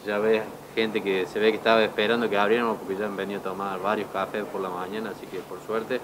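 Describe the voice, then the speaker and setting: A man's voice: on the low side, little pitch movement, quick pace. A young man who runs a café bar, speaking matter-of-factly behind the counter into a handheld mic. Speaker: bar owner. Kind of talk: street interview. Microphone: reporter's handheld mic. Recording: noisy café with machines.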